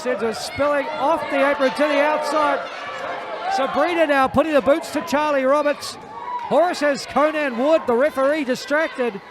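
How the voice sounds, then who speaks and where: A man working as a play-by-play wrestling commentator, making emphatic, dramatic, excited calls of a match. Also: extremely high pitch. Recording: live crowd noise behind. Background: wrestling event crowd.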